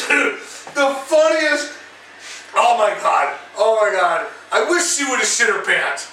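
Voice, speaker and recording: A man hosting his own vlog who tells a story casually, in a loud, profane, laughing rant. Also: high voice, very animated, slow. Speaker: vlog host. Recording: echoey room, distant mic, faint hum.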